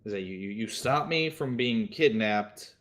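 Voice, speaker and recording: A man's voice: on the low side, expressive, measured pace, fairly bright tone. A man voicing a frightened, bewildered young villager who stammers and repeats his words. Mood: shaky.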